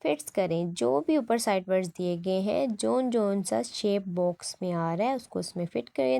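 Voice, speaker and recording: A woman teacher with a Pakistani accent explains an English textbook exercise, reading the instructions slowly and spelling words letter by letter. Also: mid-range voice, creaky, mellow, no echo. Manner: reads English instructions slowly, then explains in Urdu-Hindi.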